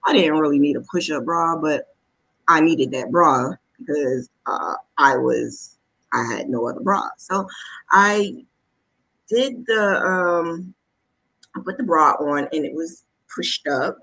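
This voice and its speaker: With a low, slow voice that's fairly bright and a little breathy, a woman vlogger shares a personal story casually. She backtracks often and performs the quoted dialogue, and the recording is rough.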